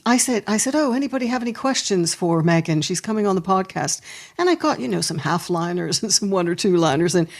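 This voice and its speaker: A woman in her sixties hosts a podcast interview, talking fast in an animated, mid-range voice. She's chatty and enthusiastic with her guest.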